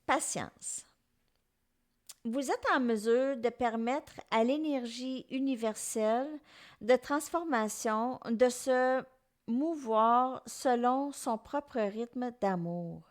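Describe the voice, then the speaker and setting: A middle-aged woman with a Québécois French accent, giving a tarot reading to her viewers in an unhurried, musing way and speaking straight to them. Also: fairly high pitch. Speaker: tarot reader.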